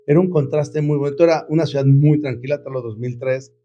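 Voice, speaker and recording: A man's voice: on the high side, quick pace, dark tone, dull audio, a little hiss or hum. A middle-aged man, an entrepreneur guest telling his story in a casual, reflective way, rambling with many fillers and restarts. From Mexico.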